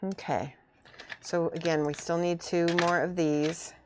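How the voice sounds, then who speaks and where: A woman with a slightly low voice talks casually to her live-stream viewers while she works with her hands. She thinks aloud in loose, informal remarks, often half muttering to herself. Music plays softly behind her. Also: fairly even intonation, a little slow. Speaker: streamer building and painting miniature models.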